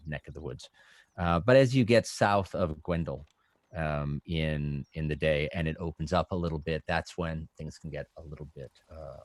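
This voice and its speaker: Halting man narrating as game master. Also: low-pitched, dry recording. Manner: halting, many ums and restarts.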